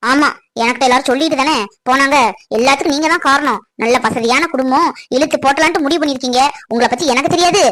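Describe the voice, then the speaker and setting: A woman's voice: high-pitched, fast talker, fairly bright tone. A woman playing an angry mother who scolds and accuses the family she blames for her son's disappearance, in a family skit. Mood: accusing. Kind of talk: family comedy skit acting.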